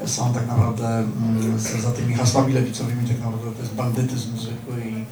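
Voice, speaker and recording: Man, hesitant guest, flat voice, distant echoey sound. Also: mid-range voice, crowd noise. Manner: hesitant, halting. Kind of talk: casual conversation.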